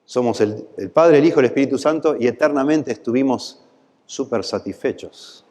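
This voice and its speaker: A male pastor with a Rioplatense Spanish accent delivers a sermon at a mid-range pitch. His preaching swells into impassioned, pleading peaks. A long church-hall reverb trails each phrase. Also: normal speed, dark tone.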